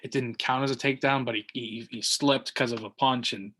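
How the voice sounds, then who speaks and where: A man's voice: medium pitch, fairly even intonation, fairly quick, fairly bright tone. A man co-hosts a combat sports podcast in loose, casual chat. He rambles, restarts his sentences and fills the gaps with fillers as he talks through fights. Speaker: podcast co-host.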